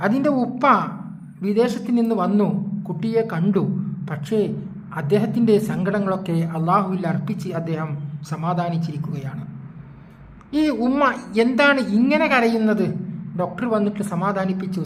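An Islamic preacher with a medium-pitched, darkish voice delivers a religious sermon built around a moral story, with slight background noise. He speaks emphatically, repeats phrases and poses rhetorical questions to his listeners.

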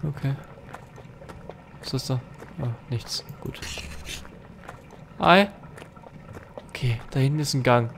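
A young man doing horror let's play commentary, his middle-pitched voice full of gravel and fry. He talks restlessly and jumpily, swears, and keeps turning to his viewers. A faint hiss sits behind him on his desk mic. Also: slow, pauses often. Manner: restless and jumpy, swearing often and talking to viewers. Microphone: facecam with desk mic.

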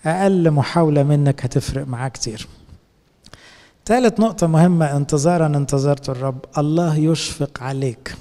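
A man's voice: mid-range voice, dark tone, big-room sound. A middle-aged Egyptian man, a priest, giving a colloquial sermon and speaking directly to his listeners. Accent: Egyptian Arabic.

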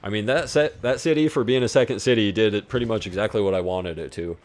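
Talking to himself as he plays strategy games, a young gaming YouTuber offers easygoing, casual commentary on his own moves. His voice is lowish, a little mellow, and quick.

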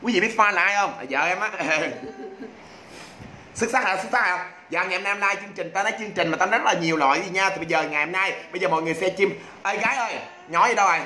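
A man hosts a home livestream in a high, bright voice, talking very fast in loud, clowning bursts of sales patter. The room is echoey, with a faint hiss underneath. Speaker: livestream host selling products. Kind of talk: rapid comic livestream patter.

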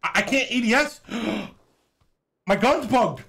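A man streaming a shooter game, calling plays and trash-talking his teammates with loud, excitable energy. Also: very high-pitched, takes it slowly, creaky. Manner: excitable, boastful trash talk, shouts in fights. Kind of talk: live gameplay commentary with teammates. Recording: game gunfire loud under voice.

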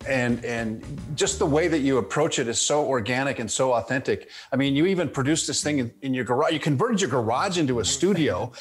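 A man's voice: mid-range voice, animated, brisk, few pauses. Middle-aged male host, effusive, faint music under his voice. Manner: effusive, praising. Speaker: interview host. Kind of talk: hosted interview. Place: home office with bookshelves.

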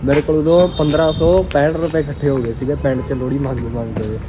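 A man's voice: mid-range voice, flat delivery, fast, music in the background, rough recording. A young man from Punjab with a Punjabi accent, chatting casually and joking with a friend as he vlogs his outing. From Punjab, India. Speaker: vlogger. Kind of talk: casual vlog chat. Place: outdoors on city streets, cold foggy evening. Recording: outdoor phone recording with traffic noise.

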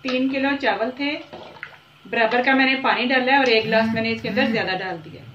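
Cooking as she talks, a channel host gives unhurried step-by-step instructions, often repeating herself in her fairly high, fairly bright voice. The echoey home kitchen carries clear sizzling and frying from the pot, and the recording has its highs cut off plus a little hiss or hum.

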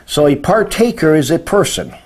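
His voice sits a little high, with wildly swooping pitch at a normal speed, darkish and slightly rough. He's a man in his sixties teaching religion indoors beside a presentation screen, lecturing informally and emphatically on word meanings and often posing rhetorical questions.

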